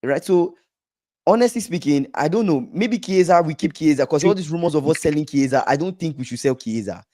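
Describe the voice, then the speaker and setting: A man co-hosting a casual football podcast, emphatic and repetitive, a little hoarse. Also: on the high side, expressive, fairly quick, warm tone. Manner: emphatic, repeats himself, trails off. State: slightly hoarse from shouting. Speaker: podcast co-host.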